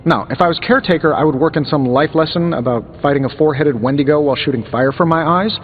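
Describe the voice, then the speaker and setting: A man's voice: on the high side, fast, a little hiss or hum, lightly acted. A man voicing a wisecracking genius inventor superhero in a video game, with an American accent and a glib, sardonic, conversational manner. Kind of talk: video game dialogue acting. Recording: muffled game audio, long reverb, music behind.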